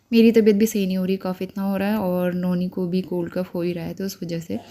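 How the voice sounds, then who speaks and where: A young woman vlogging from her home, chatting casually to viewers about her day. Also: fairly low pitch. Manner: warm, homely and talkative, speaking to viewers and her child. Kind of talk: casual chatty vlog narration. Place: at home, indoors.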